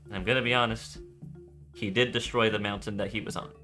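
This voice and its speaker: Bright, forceful male player; rambling, excitable, self-interrupting. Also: lowish voice, fast talker, soft background music. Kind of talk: casual chat while playing a tabletop game.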